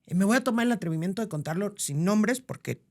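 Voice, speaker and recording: A woman's voice: medium pitch, quick pace. A middle-aged woman, a podcast guest telling a story in casual conversation and acting out the voices of the people in it. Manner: animated, acts out quoted voices.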